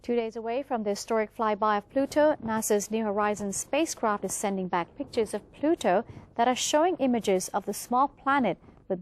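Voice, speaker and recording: A woman with a Thai accent presenting a news bulletin, reading from a script. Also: medium pitch.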